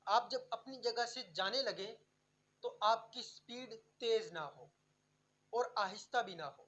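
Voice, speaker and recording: Woman instructor, scripted tutorial narration, fairly high voice, muffled lo-fi sound. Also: fairly bright tone. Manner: clear numbered list delivery, instructive. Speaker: speaking skills instructor.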